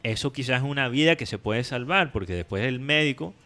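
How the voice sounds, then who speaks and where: A man, co-hosting a casual chat, lively and jokey. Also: mid-range voice, a little fast, faint music behind. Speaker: podcast co-host.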